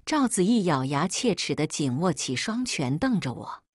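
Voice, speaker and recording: A woman narrating a first-person family drama story in a calm, cool telling. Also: low-pitched, normal speed, no echo, clean studio sound.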